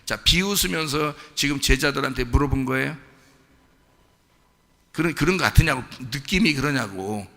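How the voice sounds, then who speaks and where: A man's voice: mid-range voice, animated, moderate pace, gravelly, long pauses, bright, forceful tone, in a large hall. A man preaching a sermon as pastor, talking with the congregation and asking them questions. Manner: conversational, asks the congregation questions. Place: church sanctuary.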